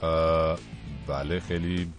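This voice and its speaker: A man's voice: a bass voice, flat delivery, faint music behind. A man hosting a comic contest sketch on radio, hesitant, with many fillers. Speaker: host of a comedy contest sketch.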